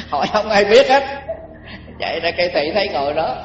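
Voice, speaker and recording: A man's voice: sits high, animated, a little fast. A man giving a dharma talk, telling folksy village stories and acting out the people in them. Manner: folksy, acts out village characters in quotes. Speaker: monk teaching. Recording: echoey distant recording, dull sound, faint music.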